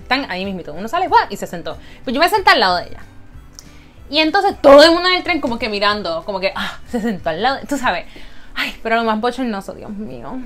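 A young woman, telling a story to camera as a vlogger in an animated, dramatic way and mixing in English words. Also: a little high, fast talker, soft background music.

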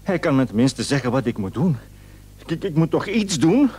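In a Dutch radio play, an actor portrays an anxious, frightened husband who stammers and repeats his words with urgency. His voice is fairly high, sing-song, a little mellow and husky, delivered at normal speed.

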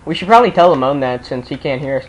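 A young man chatting casually while playing a co-op game, excitable and quick to break into laughter. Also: mid-range voice, low-quality recording. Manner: excitable, bursts into loud laughter and shouts. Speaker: gamer recording co-op play. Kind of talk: casual gaming chat.

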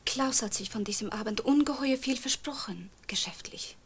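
A woman's voice: fairly high pitch, moderate pace, breathy edge. An actress playing a young wife who must ask her mother-in-law to leave, speaking hesitantly and often half-whispering. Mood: hushed. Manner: hesitant, hushed. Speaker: daughter-in-law. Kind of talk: TV drama acting.

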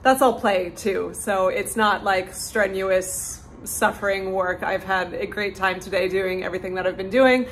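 A woman's voice: mid-range voice, fairly bright tone, slight background noise, rough recording. A woman chatting casually and upbeat to camera in a lifestyle vlog, with frequent "like" fillers, filmed at home and out on her porch. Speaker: lifestyle vlogger. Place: home kitchen and outdoor porch.

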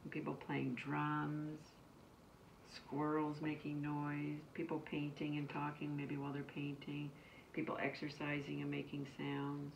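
Slow, gravelly woman reading a picture book. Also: deep voice, completely flat delivery, lo-fi sound. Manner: pauses to describe the pictures in a casual, chatty way. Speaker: nursery school teacher. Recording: distant mic, faint background noise.

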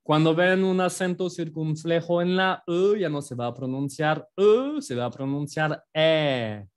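A man's voice: on the high side, fairly even intonation, moderate pace, smooth. A French man with a French accent teaching a language lesson in a playful, self-deprecating way, explaining with examples.

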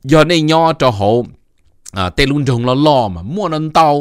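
Give me a middle-aged man explaining things in an animated way, with a lively melody and a dry voice. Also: fairly high pitch, brisk, clear, resonant tone, no echo. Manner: animated, mixing in English terms. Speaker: host giving advice. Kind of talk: casual informational talk.

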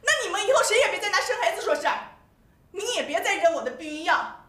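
A furious young wife, scolding in a high, rapid voice. The TV drama scene is recorded in an echoey room. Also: female voice, expressive. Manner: sharp, fast and scolding. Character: angry overworked young wife. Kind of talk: TV drama acting.

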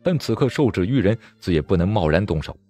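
A man narrating a martial-arts novel as an audiobook, in a dramatic, expressive storytelling manner. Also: low-pitched, quick pace, soft background music.

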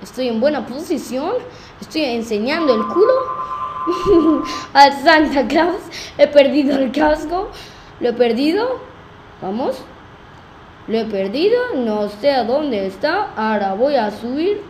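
A woman's voice: high-pitched, sing-song, takes it slowly, roomy sound, slight background noise. A woman with a Spain Spanish accent giving playful, joking let's-play commentary, laughing often. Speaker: gaming video host.

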